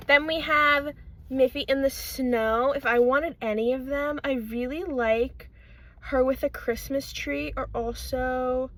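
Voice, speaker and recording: High-voiced excitable young woman, casual unboxing chat. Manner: excitable, gushing, with exclamations. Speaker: unboxing vlogger.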